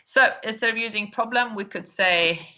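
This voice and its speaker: A woman's voice: fairly high pitch, normal speed, sharp tone, slight background noise. Chatty woman teacher. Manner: chatty, lots of "um" and "okay?", laughs at herself. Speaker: English teacher. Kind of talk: recorded feedback lesson.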